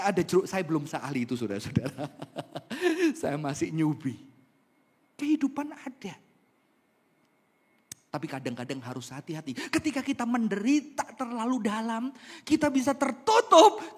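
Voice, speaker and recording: A male pastor with an Indonesian accent preaching an Easter sermon, swinging from emphatic peaks to soft storytelling. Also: high voice, slightly rough. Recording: long hall reverb.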